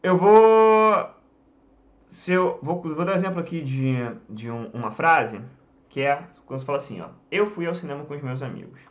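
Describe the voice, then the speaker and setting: Lively Brazilian man teaching. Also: fairly high pitch, normal speed, dull audio. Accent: Brazilian Portuguese. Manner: talks while drawing on a board, many fillers like "tá?" and "ó". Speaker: English teacher. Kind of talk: casual online lesson.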